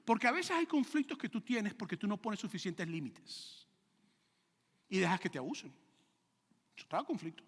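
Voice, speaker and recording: A middle-aged male pastor preaching a sermon, animated, asking his listeners rhetorical questions and acting out stories. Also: high-pitched, moderate pace, pauses often, breathy edge, in a large hall. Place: church sanctuary.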